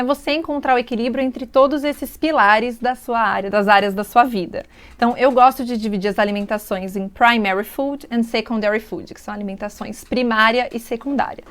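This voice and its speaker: A woman health coach answers as a guest on a lesson show. Her voice sits fairly high and her explanations are calm. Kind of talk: interview answer.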